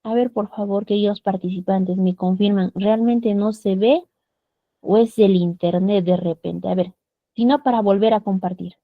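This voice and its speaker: A woman's voice: medium pitch, fairly even intonation, moderate pace, no echo, phone-quality sound. Patient Peruvian woman teaching online. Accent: Peruvian Spanish. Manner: patient, checks understanding with frequent tag questions. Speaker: English teacher. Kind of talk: online class over video call. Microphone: computer mic on a video call.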